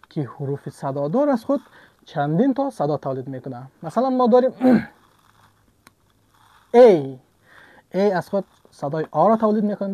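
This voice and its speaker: A man gives an English lesson, his pitch swinging widely as he talks. His tone is mellow, and the sound is dry and close. He repeats example words several times and answers his own questions. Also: no echo. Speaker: English teacher. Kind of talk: online language lesson.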